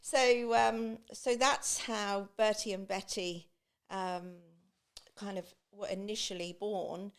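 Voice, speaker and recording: Slowly and smoothly, with medium pitch and fairly even intonation, a middle-aged woman from Great Yarmouth chats on a podcast. She owns a beach hut business, has an East Anglian English accent, and acts out remembered comments while recounting personal stories.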